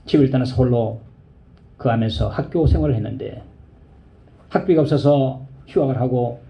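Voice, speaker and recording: A male pastor preaching a sermon, telling a story in a low voice and rising to high, pleading cries. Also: normal speed, vocal fry, muffled recording.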